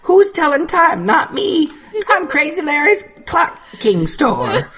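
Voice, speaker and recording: Woman playing a pushy male clock-store huckster, local ad, hard-sell patter, pitched up high, lively swoops. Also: takes it slowly, a crowd in the background, full character voice.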